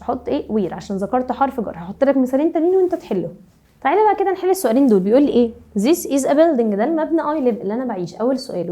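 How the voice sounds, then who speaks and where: An Egyptian woman teaching an English grammar lesson to middle schoolers, briskly asking her students rhetorical questions. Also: high-pitched, mellow. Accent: Egyptian Arabic.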